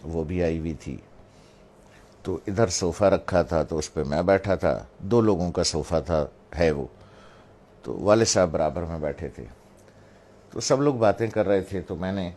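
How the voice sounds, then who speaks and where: A man's voice: low voice, darkish tone. A middle-aged man from Pakistan, a religious speaker telling a family anecdote to draw a moral from it. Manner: anecdotal, acts out family members' voices. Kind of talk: storytelling talk with a moral.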